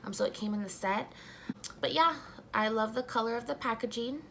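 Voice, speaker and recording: A young woman doing a casual makeup review at home, talking softly and a little sleepily as she applies primer. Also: on the high side, a little fast, vocal fry, slight background noise. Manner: soft-spoken, just woken up. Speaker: beauty vlogger.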